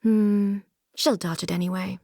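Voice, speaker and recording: A woman voices a stern, regal deity ruler in scripted video game lines, delivering them in a formal, stately, composed, and measured way with a musing, reserved mood. Her voice is medium-pitched, steady, creaky, and dark. The audio is studio quality with no room sound.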